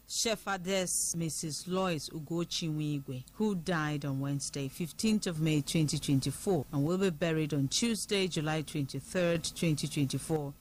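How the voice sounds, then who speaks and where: Low-voiced Nigerian woman announcer. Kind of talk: formal scripted obituary reading.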